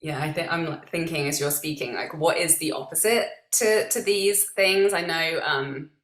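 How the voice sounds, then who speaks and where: A woman's voice: low-pitched, moderate pace, fairly bright tone, reverberant. A woman hosting a casual interview, reflective and thinking aloud. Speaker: host.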